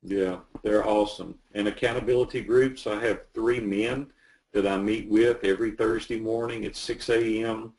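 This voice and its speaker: A man's voice: lowish voice, fairly even intonation, normal speed, darkish tone, poor audio. A man working as a business coach, talking earnestly and with animation as he tells stories in a casual interview.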